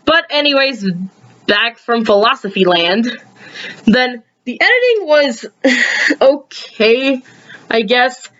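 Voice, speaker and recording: A woman casually rambling through reviews of her own videos, sleepy and yawning, with lots of ums and sudden jumps in pitch. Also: expressive, slow pace, pauses often, a bit bright, muffled recording.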